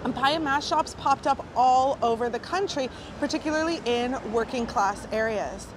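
A woman's voice: high-pitched, moderate pace. A woman guiding a food tour, talking in a chatty, enthusiastic way. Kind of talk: guided food vlog. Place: outdoors and inside small food shops. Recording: noisy street background.

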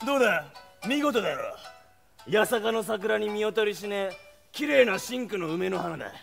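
An actor playing a bitter, dying samurai captain with a coarse, rough-edged way of talking, on a stage recording with music. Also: male voice, sits high, lively intonation, normal speed, heavily acted. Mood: boastful. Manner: coarse rough-edged speech, brooding then shouting.

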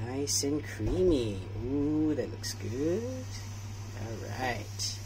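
Slow-talking man in a home kitchen. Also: mid-range voice, noisy background. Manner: relaxed, hesitant, many fillers. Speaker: cooking vlogger. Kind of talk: casual cooking demonstration.

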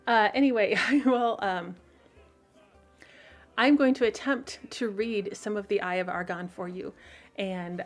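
A woman author hosting her weekly livestream, talking casually and rambling to viewers with many fillers, restarts and frequent laughter. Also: mid-range voice. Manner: laughs often between thoughts.

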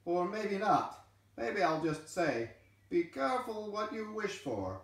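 A man's voice: sits high, very animated, takes it slowly, full character voice. A man voicing a grandiose, greedy male fortune-telling machine that announces itself with self-important flourish. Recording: very echoey room, from a distance.

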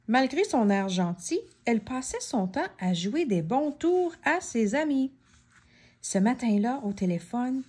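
A woman reading a children's story aloud, slowly and expressively, giving each character a voice. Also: a little high. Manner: expressive, slow and clear, voicing many characters.

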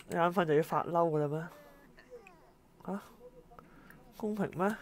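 A woman narrates her own gameplay, her voice sitting a little low. She talks in an exasperated, exclaiming way, scolding the characters on screen as she plays. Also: takes it slowly. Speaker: gameplay commentator. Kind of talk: let's-play commentary.

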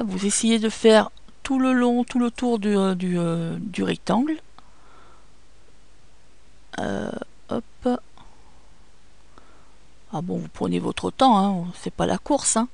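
A woman with a French accent guiding viewers step by step through photo editing software, patient and hesitant, with many fillers. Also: medium pitch, gravelly, no room sound. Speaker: software tutorial presenter. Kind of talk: screen-recorded photo editing tutorial.

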